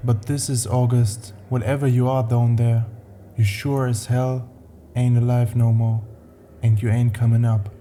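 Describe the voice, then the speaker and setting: A man's voice: mid-range voice, level tone, a little slow, dark tone, slight background noise, close to an everyday voice. A man voicing a blunt, plainspoken small-town gravedigger. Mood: cold.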